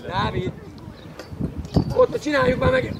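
A man coaching a youth football team, shouting instructions to players from the sideline of an outdoor pitch, picked up by a distant camera microphone. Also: huge pitch swings, heavy background noise. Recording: far-off outdoor match recording. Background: crowd at a youth match.

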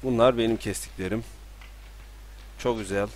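A young man giving casual live commentary while playing a game at home, talking to himself and sometimes bursting into panicked yelling. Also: lowish voice, fairly even intonation, normal speed. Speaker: streamer. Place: room at home with balcony door open.

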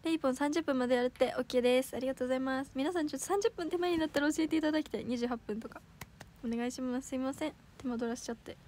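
A woman's voice: high-pitched, a little mellow, slight background noise. Chatty teenage girl with a Kansai accent. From Osaka, Japan. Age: teens. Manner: chatty, giggly, quick self-corrections. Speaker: idol livestream host. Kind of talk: casual livestream chat reading comments.

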